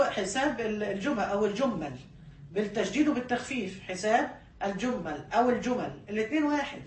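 Patiently lecturing her class, a woman with an Egyptian Arabic accent teaches religious studies, going back over key points and fixing words partway through. Her voice is a little high, picked up by a distant mic in a reverberant space.

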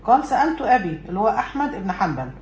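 A woman's voice: mid-range voice, sing-song, very fast, a little mellow, muffled recording. A woman with an Egyptian accent giving a religious lesson from a book, emphatic and putting rhetorical questions to her listeners. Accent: Egyptian Arabic. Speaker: religious teacher. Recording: echoey room with faint background noise.

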